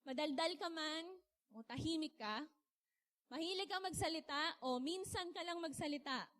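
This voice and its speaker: A young woman from the Philippines giving a chatty, animated sermon, laughing often and asking her audience questions. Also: sits high, moderate pace. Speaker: speaker. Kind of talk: casual sermon talk.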